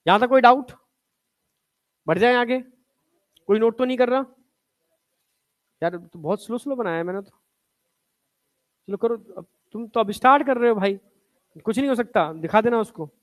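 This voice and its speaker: A man's voice: very high-pitched, animated, normal speed, long pauses. Male teacher. Coaxing classroom lecture where he quizzes the students. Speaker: biology teacher.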